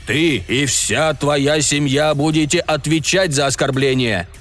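A man voicing a pompous, vengeful middle-aged alderman who speaks slowly and menacingly in an audiobook. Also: fairly high pitch, fairly bright tone, faint music behind. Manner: slow, menacing, self-important. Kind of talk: audiobook character voice.

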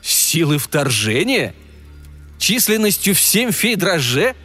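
A man's voice: high-pitched, big pitch swings, takes it slowly, sharp tone, soft background music, pitched above the performer's own voice, exaggerated voice. A man doing a dry, mocking everyman. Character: ordinary mocking middle-aged American man.

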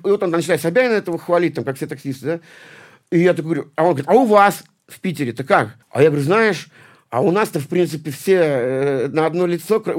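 A man in his late forties from St Petersburg, a guest talking casually in a rambling way, swearing a lot and repeating himself. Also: a little high. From St Petersburg, Russia. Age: 40s. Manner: rambling, heavy swearing, many restarts and repeated words. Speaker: guest, punk poet and musician. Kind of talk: casual interview talk.

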